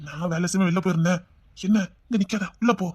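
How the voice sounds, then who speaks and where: A woman's voice: lowish voice, fast, a little mellow, natural voice. A woman playing a bossy, protective elder relative who scolds sharply, speaking in a family drama. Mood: casual. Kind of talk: home-made family drama acting.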